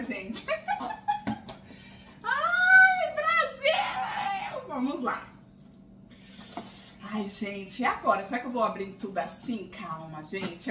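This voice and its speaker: A Brazilian woman hosting an excited unboxing vlog, gushing and exclaiming as she chats to her viewers. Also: on the high side, echoey room, distant mic. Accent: Brazilian Portuguese. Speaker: channel host.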